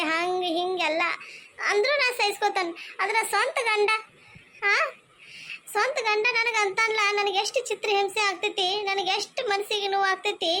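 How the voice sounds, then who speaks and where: A woman's voice: very high-pitched, sharp tone, a little hiss or hum. A woman with a North Karnataka accent voicing a devout, childless young wife in a cartoon, tearful and pleading. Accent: North Karnataka Kannada.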